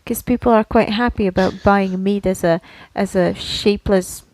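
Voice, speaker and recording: This Slovak woman's mid-range voice is a little mellow, with fairly even intonation at a normal speed and no room sound. She co-hosts a relaxed podcast, explaining things conversationally and often making sure her listener keeps up.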